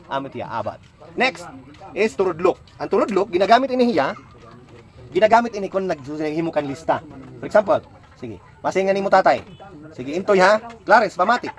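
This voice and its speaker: A man tutoring a child at home, patiently coaxing answers with lots of questions. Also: high-pitched. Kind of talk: home lesson, quizzing a child.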